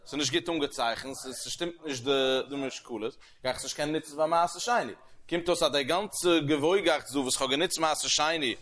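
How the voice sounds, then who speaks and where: A man giving a Talmud lecture as a religious teacher, animated, with sweeping rises and falls in pitch. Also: moderate pace, hardly any pauses. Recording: crowd heard behind the voice. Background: crowd murmur.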